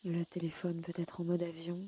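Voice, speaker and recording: Soft-spoken woman guiding sleep meditation. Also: fairly low pitch, monotone, slight background noise. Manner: slow, soft, soothing guidance. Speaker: yoga nidra guide.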